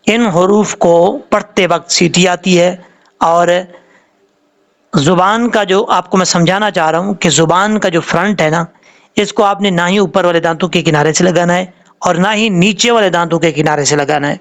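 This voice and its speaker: A man, a Quran tajweed teacher giving a patient, step-by-step recitation lesson and repeating each sound. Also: high-pitched.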